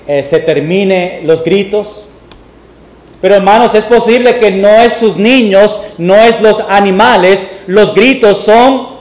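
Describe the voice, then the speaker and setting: A man preaching a Sunday sermon as pastor, slow and deliberate, with homely family examples and a few English words mixed in. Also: fairly high pitch, a little mellow, slight background noise. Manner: mixes English words into Spanish. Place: church sanctuary. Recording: echoey church room.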